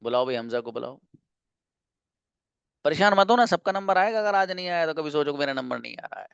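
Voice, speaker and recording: A man's voice: on the high side, animated, gravelly, fairly bright tone, clean tone, dry recording, muffled recording. Dry-sounding man teaching a class. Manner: explains slowly, asks and answers own questions. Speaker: English teacher. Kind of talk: classroom lesson.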